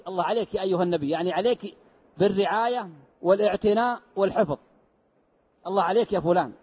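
Another mosque lesson on Quran commentary comes from a sheikh whose high voice has a breathy edge. He walks through the material step by step, posing rhetorical questions and answering them himself, in a dull lo-fi recording.

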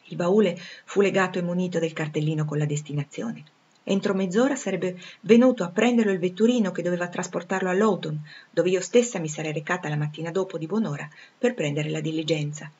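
A woman narrating a literary audiobook in a measured, even reading voice, in a dull lo-fi recording. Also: lowish voice, husky. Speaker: audiobook reader.

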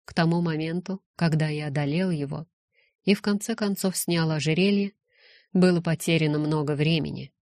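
A woman reading the slow, composed lines of an impassive young male guardian, in a dry, close recording. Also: deep voice, a little mellow, no echo.

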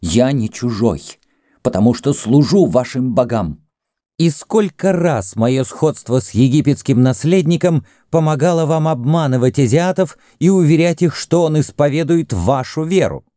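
A man voicing a furious, jealous young Greek man who shouts threats in an audiobook. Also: low voice, animated, unhurried, few pauses, husky, no echo, studio quality, exaggerated voice.

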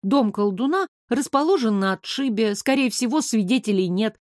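A woman narrating a first-person novel with a lively, wry storytelling manner. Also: fairly high pitch, moderate pace, no echo, studio quality. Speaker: audiobook narrator.

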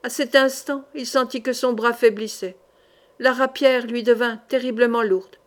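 Woman narrating with measured drama. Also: fairly high pitch, fairly even intonation. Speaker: audiobook reader. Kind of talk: scripted narration of a historical novel.

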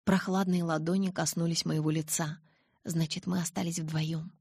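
A woman reading a novel aloud as scripted narration, in an even, measured way. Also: lowish voice, husky, no room sound. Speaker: audiobook reader.

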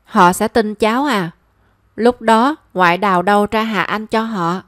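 A woman's voice: medium pitch, unhurried, fairly bright tone, dry recording, studio quality, lightly acted. A woman voicing a kindly old grandmother who teases her granddaughter. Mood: teasing.

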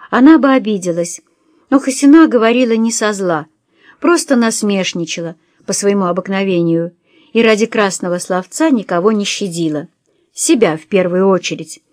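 A woman reads a novel aloud in calm, even narration. The recording is dry and close, with no room sound, and her pitch sits in an ordinary middle range. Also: dry recording. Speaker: audiobook narrator. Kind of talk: scripted narration.

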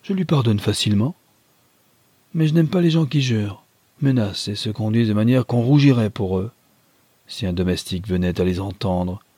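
A man reading the part of a stiff, haughty English army captain who speaks coldly and condescendingly, in a low, husky voice. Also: moderate pace, mellow, no room sound. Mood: cold, superior. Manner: cold and condescending.

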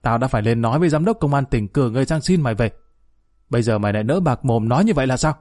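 A man's voice: medium pitch, animated, rapid-fire, darkish tone, dry recording, studio quality, faint music behind, close to an everyday voice. A man reading a cold, stern rich father. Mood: cold scolding. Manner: cold, scolding, threatening.

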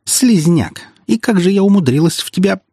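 A man's voice: a little high, sing-song, normal speed, creaky, darkish tone, breathy edge, no echo, studio quality, pitched above the performer's own voice, heavily acted. A man reading an audiobook, voicing a feisty red-haired teenage girl who taunts and mocks. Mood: mocking. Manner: taunting, scornful.

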